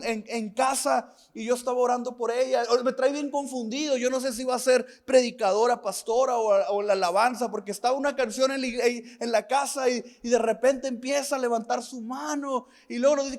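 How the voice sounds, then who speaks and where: A man's voice: very high voice, steady tone, moderate pace, few pauses. A male pastor giving a sermon in an earnest style, repeating phrases, asking the congregation direct questions, and weaving in stories about his family. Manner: mixes personal family stories into preaching.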